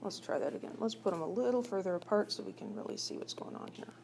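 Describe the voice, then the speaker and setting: A woman's voice: mid-range voice, expressive, fast talker, vocal fry, darkish tone, a little hiss or hum. A woman teaching a chemistry class in a chatty, teasing way, asking her students questions as she works through examples. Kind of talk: recorded classroom lecture.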